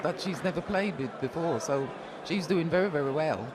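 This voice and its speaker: A woman's voice: sits low, moderate pace. A woman co-commentating on live darts as a pundit, in a chatty style. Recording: crowd and clear background noise.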